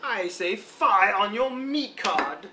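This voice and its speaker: A man's voice: high-pitched, lively intonation, takes it slowly, bright, forceful tone, slight background noise, full character voice. A man playing an irritable, haughty duke who complains his way through a period comedy sketch. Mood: irritated.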